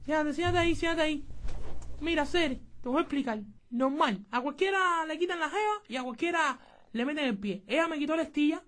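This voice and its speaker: A squeaky hotheaded Cuban guy. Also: a little fast. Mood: pleading. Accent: Cuban Spanish. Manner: whiny pleading, then yelling in a rage. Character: excitable heartbroken young man, broke and hotheaded. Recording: music playing underneath.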